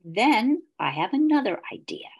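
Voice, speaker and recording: A woman facilitating an online group meeting over a video call. She talks with a hesitant manner and fills her sentences with pauses. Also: on the high side, very animated, vocal fry, breathy edge. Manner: hesitant, many fillers.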